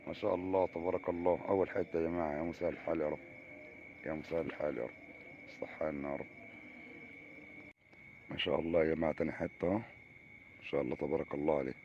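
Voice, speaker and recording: Egyptian man, Egyptian Arabic accent, deep and rapid, chatty outdoor vlogger on a muffled lo-fi recording. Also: fairly even intonation, a little hiss or hum. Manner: chatty, keeps addressing viewers with pious exclamations. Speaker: fishing vlogger. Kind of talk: casual fishing vlog commentary. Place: outdoors on a Nile riverbank.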